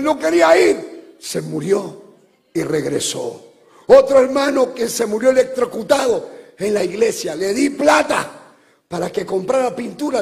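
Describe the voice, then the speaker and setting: A male pastor preaching a sermon, telling stories with passion and breaking into shouts. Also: very high-pitched, gravelly. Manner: impassioned storytelling preacher, bursts into shouts. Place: church, live service. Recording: long hall reverb from live church.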